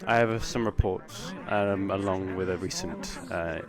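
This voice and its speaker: A man playing a measured, courteous colonel, speaking formally and hesitantly as a military officer in an improvised roleplay. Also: deep voice, over music, lightly acted.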